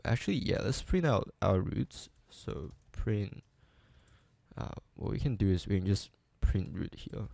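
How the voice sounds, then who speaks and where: A man with a low, gravelly voice works through a coding problem aloud at an unhurried pace. He hesitates often and makes light fun of his own mistakes, and the dry recording has no room sound. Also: a little mellow, dry recording. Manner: hesitant, full of ums and restarts, self-deprecating. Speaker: coding streamer. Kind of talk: thinking aloud while live coding.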